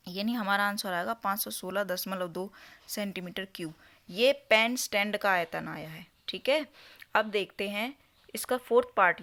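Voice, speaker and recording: A woman's voice: medium pitch, fairly bright tone. A woman teaching a maths lesson, patiently working through a problem step by step and answering her own questions. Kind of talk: explaining a solved exam problem.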